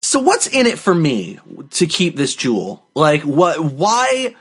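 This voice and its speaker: A man in his thirties on a comedy podcast, talking with a lot of swing in his voice, which sits a little high. He swears freely and pokes holes in every premise he is handed, firing off skeptical questions. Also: takes it slowly, husky. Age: 30s. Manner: animated, sweary, argues with the premise. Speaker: podcast co-host. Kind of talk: casual comedy podcast chat.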